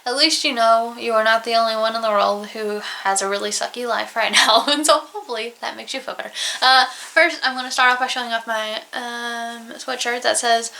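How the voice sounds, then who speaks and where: A woman's voice: fairly high pitch, fairly even intonation, brisk, gravelly, few pauses, pushed and bright. A young woman with a Southern US accent, talking openly to camera in a personal vlog about a hard year. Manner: open, emotional, close to tears at times. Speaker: vlogger. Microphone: camera mic, alone at home.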